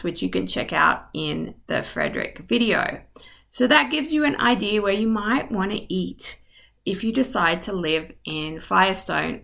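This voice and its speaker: Gravelly, pushed and bright, her lowish voice shows she's losing it and running a little short. As a real estate agent, this woman narrates a map tour over screen share, keeping things friendly and informal with ums and asides.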